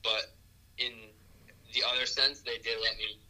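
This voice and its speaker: Bright-toned young man, matter-of-fact. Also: medium pitch, steady tone, unhurried, rough recording. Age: teens. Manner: plain, matter-of-fact, with fillers. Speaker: guest, young shop owner. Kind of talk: casual interview answers.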